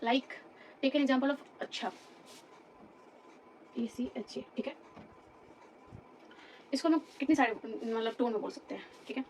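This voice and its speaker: Distant, high-pitched woman teaching a lesson. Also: slow, long pauses, darkish tone, slight background noise. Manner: explains patiently, repeats terms and checks "ठीक है?". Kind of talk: classroom lecture.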